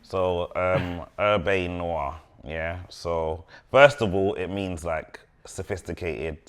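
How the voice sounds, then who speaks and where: Deep-voiced young London man, roadman slang. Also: slow, clear, resonant tone. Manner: urban London street slang, roadman-style delivery. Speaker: podcast guest. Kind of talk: casual chat.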